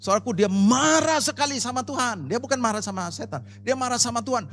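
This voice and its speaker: A man preaching an animated, emphatic sermon at a church service, telling a personal story and speaking directly to the congregation. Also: very high voice, a little fast. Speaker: pastor.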